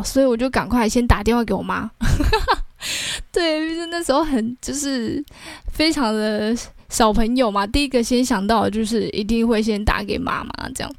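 A woman's voice: fairly high pitch, dry recording, studio quality. Chatty young Taiwanese woman storyteller. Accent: Taiwanese Mandarin. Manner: chatty, tags sentences with filler words. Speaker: podcast host. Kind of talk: casual personal storytelling.

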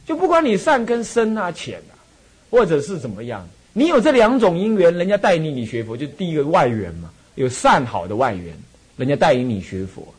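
A man's voice: a little high, very animated, brisk, slightly rough. A Buddhist monk and temple abbot with a Taiwanese Mandarin accent, giving a dharma talk full of personal stories, repeating phrases and chuckling as he tells them.

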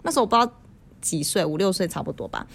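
A woman's voice: fairly low pitch, very fast, creaky, slightly rough. A woman in her thirties from Taiwan, co-hosting a casual podcast and telling childhood ghost stories, acting out quoted voices. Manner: animated storyteller acting out quoted voices, laughs often. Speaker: podcast co-host.

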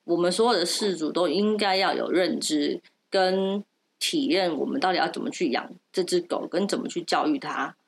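A woman's voice: lowish voice, normal speed, vocal fry, a little hiss or hum. A woman with a Taiwanese accent chatting casually as a podcast co-host, playful and curious, often asking short questions. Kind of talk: casual chat.

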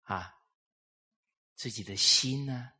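A man giving a live lecture on traditional culture, telling lively stories and putting rhetorical questions to the audience. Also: mid-range voice, slow pace, slightly rough.

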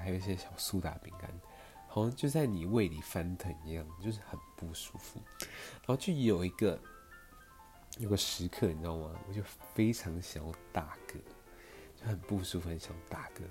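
A young man with a Taiwanese Mandarin accent and a low, darkish voice hosts a podcast. He tells a personal story in a chatty, meandering way that is full of fillers.

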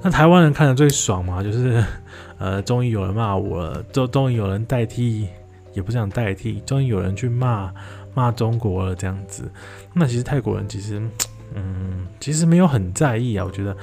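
A man giving relaxed, casual commentary, with lots of fillers and restarts. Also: on the low side, fairly quick, vocal fry, soft background music.

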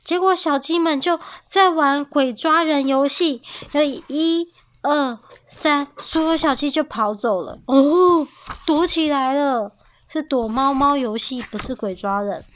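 A woman reads a picture book aloud to her young daughter, lively and playful, often stopping to ask her questions. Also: high voice, unhurried, a little hiss or hum. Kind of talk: animated picture-book reading to a child.

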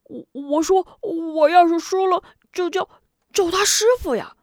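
A woman voicing a dim-witted, excitable male fighter who stammers and insists on his point. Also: sits high, measured pace, dry recording, clean studio sound, voice pushed up. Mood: insistent.

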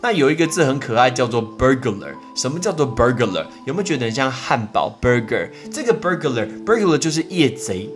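A man hosting a podcast, telling a story and then teaching English words, lively and animated. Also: faint music behind. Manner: lively, swings pitch up when telling the story, slow when drilling words. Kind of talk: casual storytelling and vocabulary lesson.

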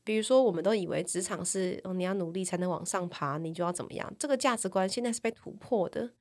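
A woman's voice: fairly low pitch, fast talker, a little mellow. A woman, telling personal stories on a podcast in a candid, reflective way. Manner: candid and reflective, tags sentences with a trailing "这样". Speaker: podcast speaker. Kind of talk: personal storytelling podcast talk.

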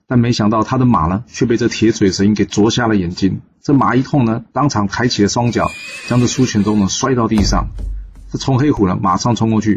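A man's voice: lowish voice, darkish tone, highs cut off, slight background noise. A man telling a classic tale in a casual, chatty storytelling manner with many fillers. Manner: chatty, filler-heavy narration.

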